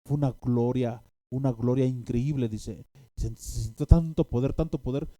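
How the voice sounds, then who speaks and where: A man's voice: medium pitch, fairly even intonation, moderate pace, dark tone, no room sound. A man preaching a sermon, telling a story with many restarts and fillers and bursts of animation.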